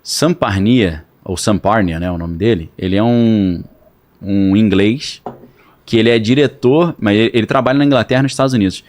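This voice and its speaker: Brazilian man explaining in a relaxed way. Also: lowish voice, a little fast. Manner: relaxed, explains with slang and analogies. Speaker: pastor and podcast guest. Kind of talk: casual podcast conversation.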